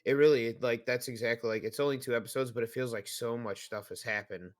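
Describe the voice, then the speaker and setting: A man's voice: medium pitch, steady tone, quick pace. A man co-hosting a podcast in casual chat, talking enthusiastically and swearing loosely. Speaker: podcast co-host.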